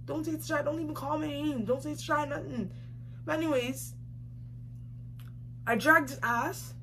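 A young adult woman vlogger sits facing the camera in a small indoor room, casually telling a story with emphasis, slang, and repeated phrases for effect. Her voice sits high with a steady, fairly bright tone at a moderate pace. It's a clearly noisy home recording.

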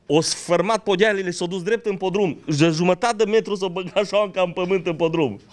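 Animated older storyteller from western Romania. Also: male voice, sits high. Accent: Banat-Crișana Romanian. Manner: animated, dramatic storytelling with regional words. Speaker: local storyteller. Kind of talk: folksy anecdote telling.

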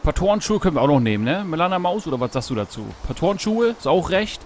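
A man casually commenting on his gameplay while fishing, talking to himself, greeting animals in the game, and yelping excitedly at each catch. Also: a little high, quick pace. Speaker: Let's Play host. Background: background game music.

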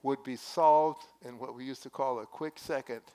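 Older pastor preaching earnestly at a pulpit. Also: male voice, mid-range voice, steady tone, normal speed, warm tone. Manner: earnest, conversational preaching with emphatic rises. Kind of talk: sermon. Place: church sanctuary at a wooden pulpit. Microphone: headset mic.

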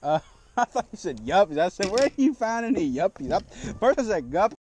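Using a high, sing-song voice with a darkish tone at normal speed, a young fishing vlogger chats from a small boat on a lake. He's laid-back and self-deprecating, and his action camera mic picks up slight background noise.

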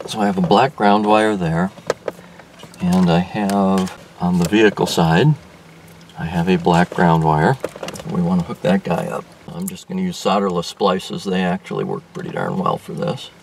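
Working on a car radio install, an older car restoration vlogger talks it through casually, thinking out loud and often restarting or using fillers. He has a low, gravelly, darkish voice at a normal speed. The recording was made inside a car in daylight, with a distant mic and faint noise.

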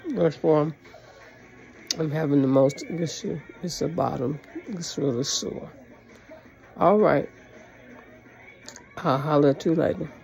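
A woman's voice: deep voice, takes it slowly, vocal fry, pauses often, a little mellow, rough recording. A woman talking with new dentures in, chatting plainly in a casual video diary. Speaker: vlogger sharing a personal journey.

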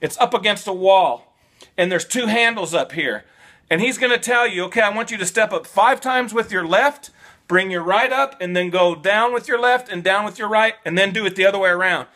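A man, giving casual trucking advice to camera in an animated way, stopping and restarting often, in a small room at home. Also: high voice, a little fast. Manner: animated, gestures a lot, repeats and restarts. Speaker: vlogger, new truck driver.

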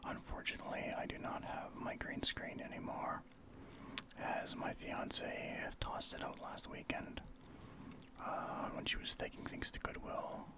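A man from Saskatchewan, Canada, speaking in a soft breathy whisper as an ASMR streamer, explaining his gameplay in informal gamer talk. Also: a little slow. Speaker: streamer, ASMR channel host.

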